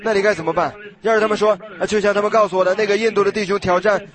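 A man preaching a sermon in a conversational way, acting out little dialogues and sometimes restarting with drawn-out fillers. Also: high-pitched, steady tone.

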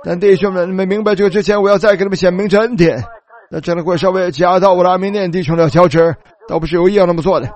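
A man's voice: high voice, fairly even intonation, rapid-fire, darkish tone. A man preaching a sermon, telling the story animatedly and calling out hallelujah.

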